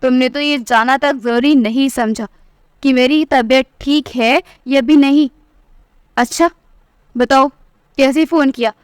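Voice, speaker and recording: A woman's voice: high voice, fairly even intonation, unhurried, pauses often, clean tone, dry recording, studio quality. A woman voicing a proud, defiant young wife. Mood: resentful. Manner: sharp, defiant. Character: proud angry young married daughter. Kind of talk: storybook narration.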